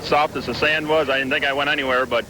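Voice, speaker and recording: Quick-talking folksy man interviewed trackside. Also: medium pitch, fairly even intonation. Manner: folksy, plain-spoken. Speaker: competing tractor puller. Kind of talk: casual post-run interview. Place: outdoors at a pulling track. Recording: noisy outdoor trackside.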